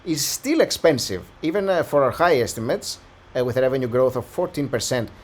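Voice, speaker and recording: Slightly hoarse man walking through stocks. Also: medium pitch, lively intonation, brisk. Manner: conversational, thinking aloud with frequent restarts. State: slightly hoarse, losing his voice. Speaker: stock analysis channel host. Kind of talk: casual stock analysis walkthrough.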